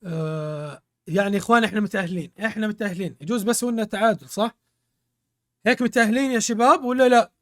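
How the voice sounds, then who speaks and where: A man's voice: high voice, rapid-fire. A man streaming a football video game, commentating live, exclaiming in bursts, repeating words and thanking his viewers. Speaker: gaming streamer.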